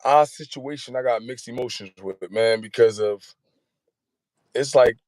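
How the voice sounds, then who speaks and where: A man in his thirties, guesting on an interview, rambles through his story in slangy street talk, frequently adding "you know what I'm saying." His mid-range, darkish voice moves at normal speed with no room sound.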